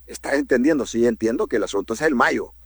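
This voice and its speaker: A man's voice: mid-range voice, animated, quick pace, breathy edge, no room sound. A man, a journalist from Honduras, telling a story in emphatic commentary, repeating words and swinging his delivery up and down.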